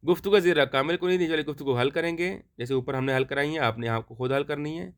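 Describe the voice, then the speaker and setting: A man teaching a Farsi lesson, reading sentences slowly for pronunciation and explaining them quickly. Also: on the high side, smooth. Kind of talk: language lesson explained in Urdu.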